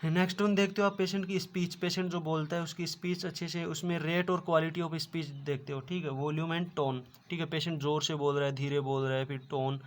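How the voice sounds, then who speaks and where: A man's voice: on the high side, fairly even intonation, a little fast, hardly any pauses. A man teaching an online class, explaining step by step and often repeating filler words. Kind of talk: online lecture.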